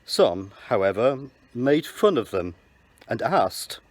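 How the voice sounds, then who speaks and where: A man narrating a Bible passage in church, reading in a measured, steady way. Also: mid-range voice, dry recording. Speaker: Scripture reader.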